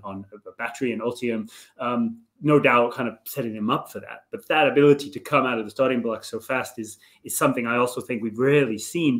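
A man interviewing an industry expert, asking measured, reflective questions with some hesitant restarts. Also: mid-range voice.

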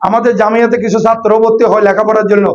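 A very high-voiced man with a Chittagonian Bengali accent preaches emphatically, explaining points and reciting Arabic phrases. The recording is dull and lo-fi. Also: little pitch movement, very fast, slight background noise. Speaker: Islamic scholar and preacher. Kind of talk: sermon.

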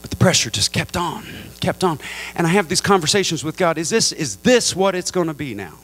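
A middle-aged male pastor preaching a Pentecostal sermon into a handheld mic, swinging from low, measured talk to high, fervent appeals and calling on the congregation to respond. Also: very animated, fairly bright tone, husky. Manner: asks the crowd for response. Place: large church sanctuary with a congregation. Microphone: handheld microphone.

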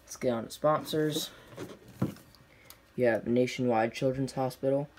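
Short clipped phrases, plain and unscripted, make up this young man's casual unboxing commentary. He's a diecast collector reviewing on camera at an indoor tabletop display, speaking at a medium pitch in a steady tone, a bit slowly. Clicks and noise mark the home recording.

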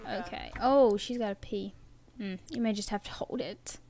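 A woman's voice: mid-range voice, normal speed, gravelly, a little mellow. A young woman with a Southern American accent giving casual let's-play commentary, chatting to the game characters as she plays. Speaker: gameplay commentator.

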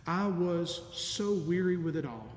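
A middle-aged deacon preaches a sermon in a measured, earnest, animated way, letting out soft laughs. He's in a large, empty church sanctuary, picked up by a stand mic in front of the lectern with the camera placed at a distance. The room is echoey with a long reverb and a faint rumble underneath.

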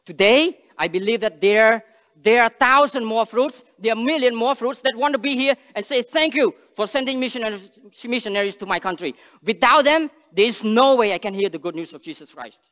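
A young man from Cambodia, speaking English with a Cambodian accent, gives an earnest church sermon and prayer, with halting phrasing and frequent restarts. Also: very high-pitched, a bit bright. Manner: earnest, halting non-native English with restarts and emphatic rises. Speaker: missionary speaker. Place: large church sanctuary stage. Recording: long church reverb, dull sound.

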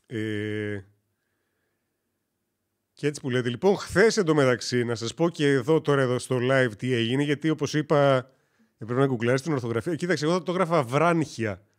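A man from Greece chatting casually on a gaming live stream, rambling and joking as he tells stories and corrects himself. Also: medium pitch.

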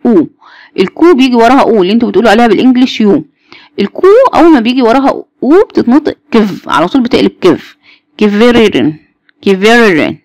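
Quick gravelly Egyptian woman teaching letters. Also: fairly high pitch, lively intonation, a little mellow, dry recording. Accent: Egyptian Arabic. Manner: explains patiently, repeats letters and asks the class questions. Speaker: German teacher. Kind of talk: Egyptian Arabic alphabet lesson.

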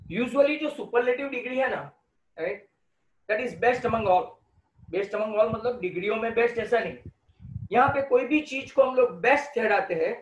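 A man with an Indian accent teaching an English grammar lesson, explaining slowly and asking the class questions, then answering them himself. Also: sits high. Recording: roomy, distant, dull lo-fi sound.

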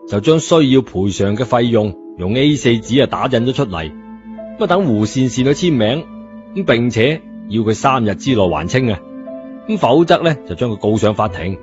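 This man's voice is mid-pitched and slightly mellow. Carrying a Cantonese accent, he narrates a scripted tale in an everyday, colloquial manner, much like an audiobook reader. His muffled delivery plays over background music.

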